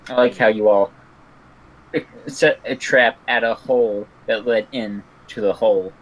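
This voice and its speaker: A man's voice: on the low side, steady tone, measured pace, rough recording. A man running a tabletop game as game master, making dry, wry asides.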